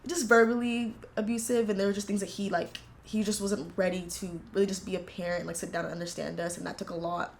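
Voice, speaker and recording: Speaking at a medium pitch in a level tone with some vocal fry, a twenty-something American university student tells her family story in a casual interview. She comes across as earnest and reflective, stopping frequently and using many fillers, over a little hiss or hum.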